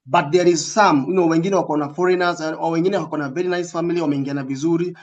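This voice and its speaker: A man with a Kenyan accent and a slightly high voice answers interview questions at a racing pace, his tone steady and the recording muffled. A recruitment agency representative appearing as a guest, he talks casually and code-switches, earnest and emphatic, repeating phrases for stress.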